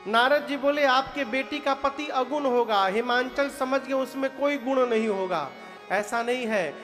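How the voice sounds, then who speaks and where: High slow-talking up preacher guy, quizzes the crowd, soft music under him. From eastern Uttar Pradesh. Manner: prods the audience with questions and answers, breaks into chanted verses. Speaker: katha preacher. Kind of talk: devotional sermon storytelling. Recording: reverberant hall with faint music.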